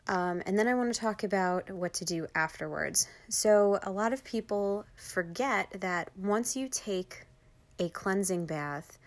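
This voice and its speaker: Chatty Long Island woman podcaster. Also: lowish voice. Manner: chatty, lots of fillers like "um" and "like". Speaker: podcast host. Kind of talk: casual podcast monologue.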